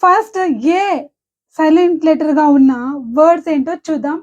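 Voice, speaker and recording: High-voiced Telugu woman teaching pronunciation. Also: darkish tone, highs cut off. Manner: repeats each example word slowly and clearly. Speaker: English teacher. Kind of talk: pronunciation lesson.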